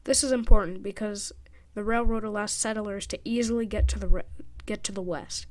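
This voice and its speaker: A woman's voice: mid-range voice, steady tone, a little fast. A woman narrating a history video in a casual scripted way, with jokey, sarcastic asides. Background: background music.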